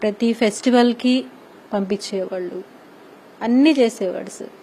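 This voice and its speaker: A woman's voice: fairly high pitch, normal speed, warm tone, slight background noise, low-quality recording. A woman in her thirties giving a distressed, pleading news interview, repeatedly addressing the interviewer respectfully.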